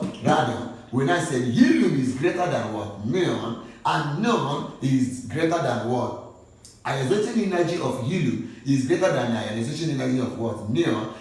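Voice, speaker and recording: A man's voice: medium pitch, recorded from a distance. Nigerian male tutor, call-and-response teaching, set back from the mic in a very echoey room. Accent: Nigerian English. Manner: asks questions and answers them himself. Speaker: chemistry tutor. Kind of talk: classroom lecture.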